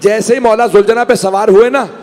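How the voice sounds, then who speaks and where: High-pitched man reciting a mournful sermon. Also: steady tone, darkish tone, faint music behind. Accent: Pakistani Urdu. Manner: impassioned, drawn-out mournful cries. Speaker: majlis reciter. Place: mourning gathering hall with congregation.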